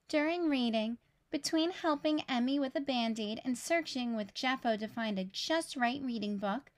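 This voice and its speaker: A slightly high-voiced woman gives a children's picture book an expressive, storyteller-style reading.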